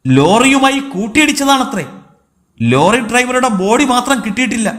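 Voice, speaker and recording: A man reads as an older male caretaker, gentle and fatherly, with a lively voice that rises and falls. He speaks in a storybook reading. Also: very high-pitched, moderate pace, pitched above the performer's own voice. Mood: somber.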